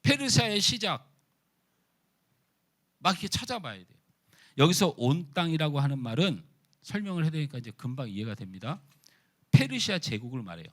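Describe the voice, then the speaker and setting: Male pastor, sermon delivery, slightly high and very animated pitch, questions the congregation playfully. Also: brisk, pauses often. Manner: asks the congregation questions and teases them; lively, animated preaching. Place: church.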